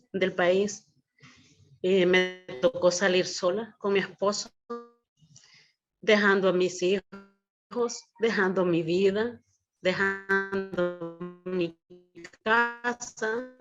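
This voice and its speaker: A woman giving an earnest personal testimony in a measured way. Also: mid-range voice. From El Salvador. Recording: dull lo-fi audio.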